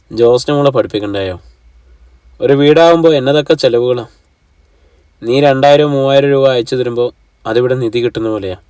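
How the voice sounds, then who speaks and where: A tired village mother scolds her daughter, listing her money worries and complaints, as a male storyteller puts her on. The sound is dry and slightly distant, at a mid pitch. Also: a little mellow, no echo, lightly acted. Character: worn-out, scolding middle-aged village mother.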